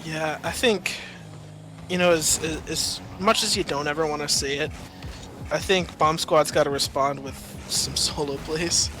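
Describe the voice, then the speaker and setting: A man's voice: a little high, fairly even intonation, unhurried, music in the background. A young man giving analytical color commentary on an esports match, with frequent ums and easy laughter. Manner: analytical, filler-heavy, laughs easily.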